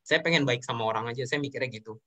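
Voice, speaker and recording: Fast-talking earnest young man. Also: mid-range voice, fairly bright tone. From Indonesia. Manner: earnest, addresses host as Pak often. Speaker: guest sharing his business story. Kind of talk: emotional interview talk.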